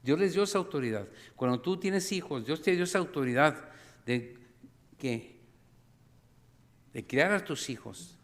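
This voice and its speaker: A middle-aged man preaching a sermon as pastor, animated, acting out scenes with sudden cries and calling the congregation brothers and sisters. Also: on the high side, measured pace, long pauses. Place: church sanctuary. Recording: long reverb of a church hall.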